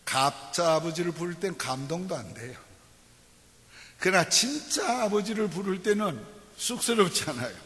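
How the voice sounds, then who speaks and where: A man's voice: a little high, a bit bright, in a large hall. Man preaching with call-and-response. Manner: call-and-response preaching, repeated "예" and questions to the congregation. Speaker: pastor. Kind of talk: sermon. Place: church sanctuary.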